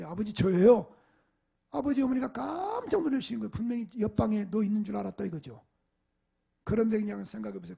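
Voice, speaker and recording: A pastor gives a sermon from the pulpit, telling personal stories in an animated way and acting out the people in them. His voice is high, gravelly and very husky. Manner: animated storytelling, acting out parents and shouting at a dog. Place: church sanctuary.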